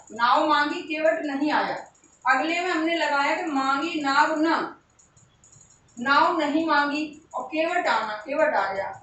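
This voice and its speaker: A woman teacher giving an exam-prep grammar lesson, slowly working through examples and repeating them. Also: high voice, fairly bright tone, heavy reverb, far from the mic, a little hiss or hum, rough recording. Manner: slow, repetitive explanation of examples.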